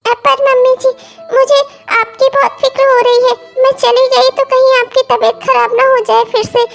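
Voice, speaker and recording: A woman's voice: very high-pitched, level tone, normal speed, gravelly. A woman voicing a meek, devoted young daughter-in-law in a cartoon comedy, who apologizes and pleads. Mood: worried, pleading.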